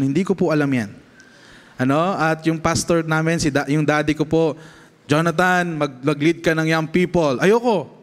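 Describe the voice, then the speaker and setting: A young adult man with a Filipino accent, a pastor preaching a sermon in a church, mixing Tagalog and English and often checking in with the congregation with "okay?". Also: a little high. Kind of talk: sermon with personal testimony. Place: church sanctuary. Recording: long reverb of a church hall.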